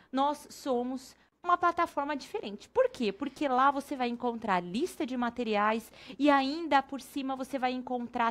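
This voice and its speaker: Lively, playful Brazilian woman host. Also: high voice. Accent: Brazilian Portuguese. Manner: playful, chatty, hyped promo delivery. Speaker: craft teacher and host. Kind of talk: casual craft demo with sales pitch.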